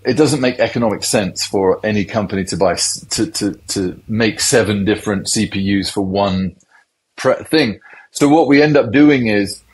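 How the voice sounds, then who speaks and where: Low-voiced man explaining casually. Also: normal speed, poor audio. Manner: explanatory, loose and conversational. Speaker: tech industry guest.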